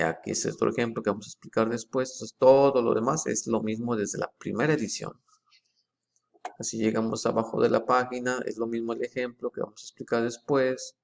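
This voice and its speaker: Low gravelly man, methodical explainer. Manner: slow, deliberate reading of quoted phrases. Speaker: presenter comparing book editions.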